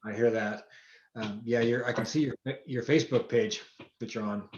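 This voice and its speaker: A man's voice: medium pitch, steady tone, darkish tone. Guy on zoom, kinda hesitant, lots of ums, echoey room and muffled sound. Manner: measured, hesitant explanations with fillers. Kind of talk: casual Zoom conversation. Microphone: computer mic on video call. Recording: dull, roomy video-call audio.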